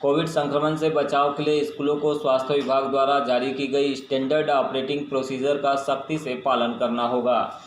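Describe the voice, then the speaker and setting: A man reading a scripted local news bulletin in a flat, formal manner. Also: mid-range voice. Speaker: news reader. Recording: echoey room with faint noise.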